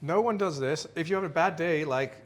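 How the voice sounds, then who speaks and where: A man's voice: on the high side, fairly quick. A man in his thirties, a guest on a podcast, talking animatedly in casual chat with lots of swearing. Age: 30s. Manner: animated, swearing, laughing, putting on voices.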